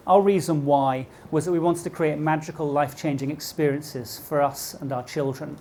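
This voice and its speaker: At a live event, a middle-aged keynote speaker with a posh British accent engages his audience with rhetorical questions during a motivational business talk. He speaks at normal speed in a fairly high, warm, steady voice, and there's slight background noise.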